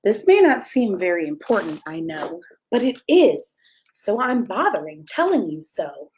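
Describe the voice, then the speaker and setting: A pastor reads a rhyming picture book as a bedtime story, expressively and playfully, putting questions directly to the children listening. Her medium-pitched, darkish voice is very animated at a measured pace, and the recording is rough.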